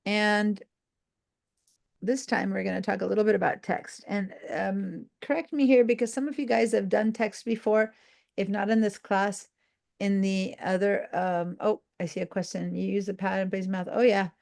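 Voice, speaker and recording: A woman teaching a design software class over a video call, tired and a little scattered. Her voice is heavily gravelly, and she rambles with lots of fillers and restarts as she explains. She sounds like she is talking into a computer mic. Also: medium pitch, steady tone, moderate pace. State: sleep-deprived and tired. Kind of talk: live online class.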